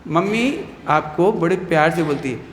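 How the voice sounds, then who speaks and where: Man, religious teacher, high voice; playful class talk with questions and mock scolding; echoey hall with a faint hum. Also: animated, moderate pace. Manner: acts out scolding mothers and teachers. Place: hall with children. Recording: echoey hall with long reverb.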